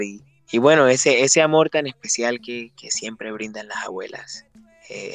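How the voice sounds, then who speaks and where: Low-voiced male musician guest, reflective and halting, faint music underneath. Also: no room sound. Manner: warm, reflective storytelling with frequent restarts. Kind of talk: radio interview answers.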